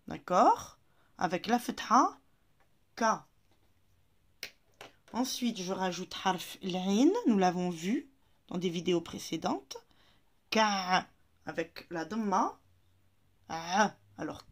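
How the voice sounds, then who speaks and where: Patient and encouraging, a medium-pitched woman teaches Arabic reading to French-speaking learners. She draws out the syllables so they can repeat after her.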